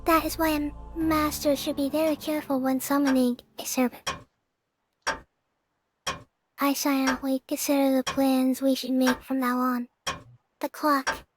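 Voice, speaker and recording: Over music, a teenage girl reads a visual novel aloud in a relaxed let's play, adding her own remarks. She speaks in a high, flat voice, stumbling and repeating words.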